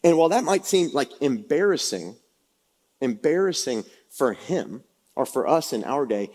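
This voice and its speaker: A man preaching a sermon in a conversational, animated way, acting out Bible scenes as he goes. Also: mid-range voice, normal speed. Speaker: pastor.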